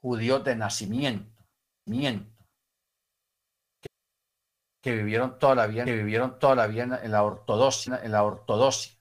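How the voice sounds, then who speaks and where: Male preacher, mid-pitched, storytelling sermon, echoes his own phrases, rises into loud emphatic bursts. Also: moderate pace, long pauses.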